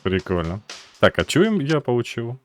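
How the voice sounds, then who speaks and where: A man's voice: mid-range voice, very animated, a little fast, soft background music. A man giving casual let's play commentary in short, offhand, muttered reactions. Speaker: gamer.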